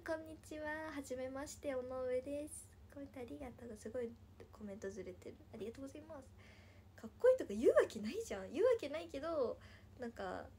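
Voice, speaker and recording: A woman in her twenties from Nagasaki, speaking with a Nagasaki Japanese accent, chats casually on a livestream, giggling often and slipping into whispers as she answers viewer comments. Her voice is high-pitched with a dark tone, over slight background noise.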